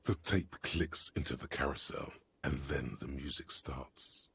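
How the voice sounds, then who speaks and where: A man playing a brooding, all-knowing inner-voice narrator in a detective game, measured and literary, with a gravelly voice. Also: rumbling low, fairly bright tone, exaggerated voice. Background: music.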